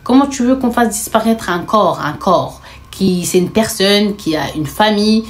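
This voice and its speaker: In this storytime, the exasperated older brother, as a woman narrator puts him on, scoffs at his sister's plans, his voice climbing higher and louder when he gets worked up. He sounds incredulous and mocking. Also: expressive, moderate pace, close to an everyday voice. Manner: exasperated, incredulous, rising to outbursts. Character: indignant older brother, man in his thirties.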